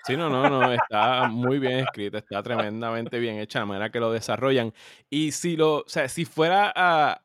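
A man's voice: medium pitch, normal speed, a bit bright, dry recording, clean studio sound. A man co-hosting a casual chat about a TV series, chiming in with short agreements and slipping English words into his Spanish. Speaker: podcast co-host.

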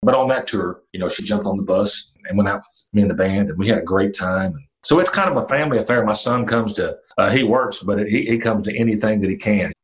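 Country singer-songwriter, man of fifty, very low voice, laid-back storyteller who swears now and then. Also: quick pace, rough recording. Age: 50s. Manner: relaxed storytelling with fillers and mild cursing. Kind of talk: casual interview talk.

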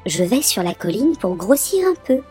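A man's voice: high voice, sing-song, moderate pace, dark tone, soft background music. A man voicing the smallest billy goat, timid and pleading in a little voice.

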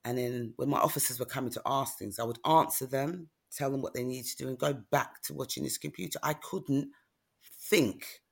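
A middle-aged woman tells a personal story in a relaxed conversation, candid and plain-spoken. Her voice is gravelly and a little husky, and she keeps checking in with "do you know what I mean?". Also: extremely low pitch, moderate pace. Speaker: guest, author.

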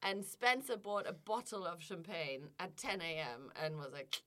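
A woman's voice: fairly low pitch, moderate pace, a bit bright. Laughing woman in her thirties. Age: 30s. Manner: laughs often, swears casually. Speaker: podcast co-host. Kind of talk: casual chat.

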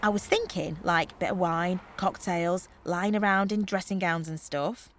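A woman voicing a brash, loud party girl who talks in slang and swears casually. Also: lowish voice, steady tone, measured pace, a little hiss or hum. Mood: cheeky. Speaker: trip organiser.

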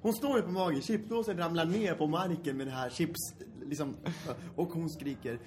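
A man in his twenties chatting casually, slightly high in pitch. He tells stories animatedly and acts out what people said. The talk is loose and comedic. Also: a little hiss or hum. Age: 20s. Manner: animated storyteller, acts out quotes. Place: indoors, standing eating chips.

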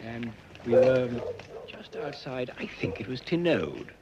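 Older male storyteller, lively lilt, very noisy old tape. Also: medium pitch, a little slow, highs cut off. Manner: rambling storyteller, lively rises and drops. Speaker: retired huntsman. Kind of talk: reminiscing.

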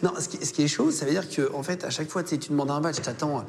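A young man hosting a casual interview. He sounds excitable and often stammers and repeats his words. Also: fairly high pitch, very fast, vocal fry, a little hiss or hum. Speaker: host.

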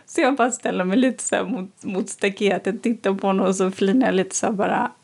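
A woman in casual conversation, telling a personal story in a lively way and acting out what people said. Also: mid-range voice, creaky, breathy edge. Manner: animated storytelling, acts out quoted lines. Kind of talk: casual chat.

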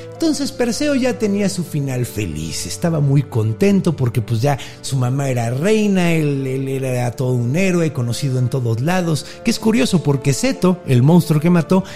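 A man with a Mexican accent casually retelling a Greek myth on a podcast, slangy, animated and jokey. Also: fairly high pitch. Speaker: podcast storyteller. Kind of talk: casual mythology storytelling.

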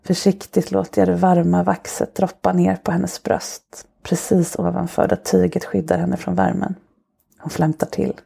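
A woman narrates an adult short story for her podcast, her low voice heavy with gravelly fry. She reads slowly and softly, with an intimate hush, and her tone stays dark and mellow throughout. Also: little pitch movement. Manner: slow, soft, intimate storytelling. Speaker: podcast host.

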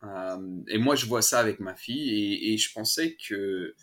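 Unhurried and a bit bright, a lowish male voice belongs to a father from France being interviewed as a guest. He chats casually, filling his speech with fillers, restarts, and laughter.

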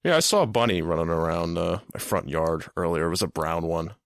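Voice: low-pitched, brisk, dry recording. A podcast co-host in casual chat, teasing in a dry way.

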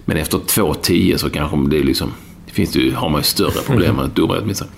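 A man with a very deep, rough, fry-heavy voice chats about football bluntly, tripping over fillers. Faint noise sits under him. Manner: rambling, blunt, with many fillers. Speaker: podcast co-host. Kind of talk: casual football chat.

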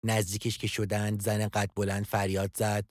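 A man narrating a scripted audio drama in a calm storytelling delivery. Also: on the low side, no echo. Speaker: narrator and writer of a podcast drama. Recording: dry studio voice with soft music.

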